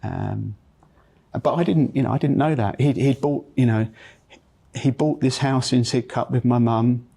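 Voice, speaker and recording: A man in his fifties from London with a London accent, telling his life story as an interview guest in a reflective way, with pauses and fillers. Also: medium pitch, vocal fry, dark tone. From England. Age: 50s. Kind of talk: conversational interview.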